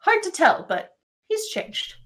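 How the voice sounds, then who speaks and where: A woman voicing a small, earnest young woman adventurer who speaks softly and quietly. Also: very high-pitched, very animated, takes it slowly, pitched above the performer's own voice, full character voice. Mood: fond. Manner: soft and quiet.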